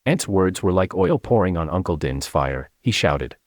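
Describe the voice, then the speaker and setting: A man from China, narrating his memoir as an audiobook in an expressive storytelling manner. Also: sits low, normal speed, dry recording, clean studio sound.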